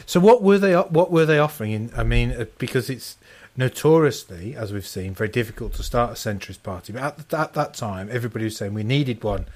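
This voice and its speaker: A man with a Birmingham accent hosts a casual political podcast. He teases his guest with dry sarcasm and gives his introduction in a slow, deep delivery. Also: expressive. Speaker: podcast host.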